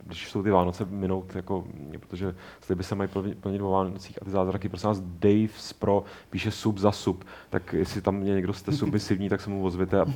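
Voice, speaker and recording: A man's voice: low-pitched, flat delivery, hardly any pauses, dark tone. A man co-hosting a casual podcast, teasing the others and cracking jokes. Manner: joking, teasing. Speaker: podcast co-host. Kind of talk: casual chat.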